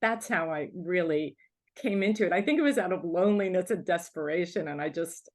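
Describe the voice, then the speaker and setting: Low-voiced Moroccan-born woman author. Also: animated, a little mellow. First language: French. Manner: reflective, halting, with light laughs. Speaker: author panelist. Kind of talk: personal storytelling on a panel.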